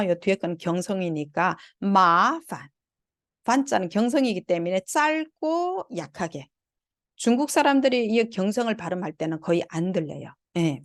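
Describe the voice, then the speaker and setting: A woman's voice: lowish voice, a little mellow, no room sound, studio quality. A woman lecturing on Chinese tones, explaining step by step and demonstrating each tone by sounding out syllables. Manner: patient, explains step by step, sings out tone examples. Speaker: Chinese language instructor. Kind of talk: recorded online lecture.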